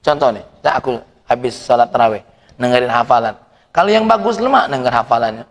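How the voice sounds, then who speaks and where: In a large mosque hall, a man with a mid-range voice preaches a sermon at a slightly fast clip. He's lively, cracking jokes and posing rhetorical questions as his voice rises and falls.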